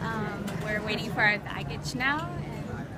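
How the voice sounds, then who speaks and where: A woman's voice: medium pitch, a little slow. A young woman chatting casually as she films her own travel vlog, upbeat and chatty with small fillers. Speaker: travel vlogger.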